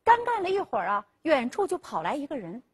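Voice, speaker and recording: A woman with a high voice hosts a legal program and tells its stories with lively drama. She acts out dialogue and lets drawn-out "啊" pauses stretch through this storytelling lecture.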